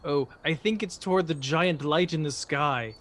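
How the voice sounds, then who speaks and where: A man's voice: a little high, normal speed, a bit bright, slight background noise. A man playing a tabletop game, joking in a dry, understated way. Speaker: player. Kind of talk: casual tabletop game chat.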